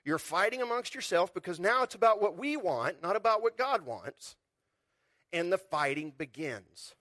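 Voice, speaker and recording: Animated male pastor preaching. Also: high-pitched, normal speed, dry recording, studio quality. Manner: animated, conversational preaching with rhetorical questions. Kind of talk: sermon.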